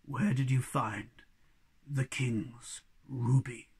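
A reader voicing a sad, weary old hobgoblin magician in a storybook, speaking low and slow, often in a whisper. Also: fairly even intonation, a little mellow, slightly rough, heavily acted. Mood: gloomy. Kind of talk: storybook reading.

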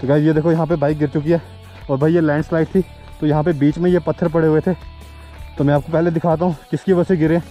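A young man hosting a motorcycle vlog, talking quickly and chattily to his viewers on a chilly mountain road. His voice sits a little high, and faint music plays under him. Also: little pitch movement, mellow, muffled recording. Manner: chatty, keeps calling out to viewers as "guys" and "bhai". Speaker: motovlogger host. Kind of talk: casual vlog narration. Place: outdoors on a cold mountain road.

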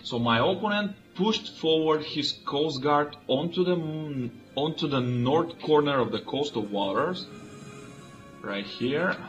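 A man from Bulgaria, a native Bulgarian speaker, calmly and methodically explaining his moves in a strategy board game. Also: fairly high pitch, slow, lo-fi sound, soft background music. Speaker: player. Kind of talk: let's play commentary.

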